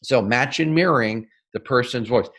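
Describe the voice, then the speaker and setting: A man from the northern United States, a guest on an interview podcast, explaining sales technique in an energetic and emphatic way, often asking "right?" and speeding up or slowing down for emphasis. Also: medium pitch. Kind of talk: interview, teaching.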